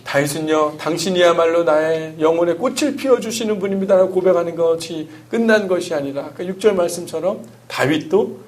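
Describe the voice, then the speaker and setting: Earnest man preaching a sermon. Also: on the high side. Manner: earnest, emphatic, asks rhetorical questions. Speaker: pastor.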